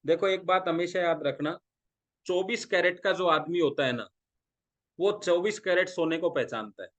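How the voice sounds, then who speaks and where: Higher-pitched Indian sales trainer. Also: male voice, normal speed, a bit bright, dull audio. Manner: talks through role-played dialogues, asking the audience questions. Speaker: direct selling trainer. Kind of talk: motivational sales training talk.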